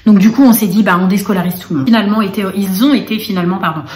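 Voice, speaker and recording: Woman vlogger, face-cam storytelling, halting and full of fillers, roomy echo. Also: medium pitch, steady tone, a little mellow. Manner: recounting with many fillers and quoted dialogue. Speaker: vlogger and mother. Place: indoor room. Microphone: camera mic.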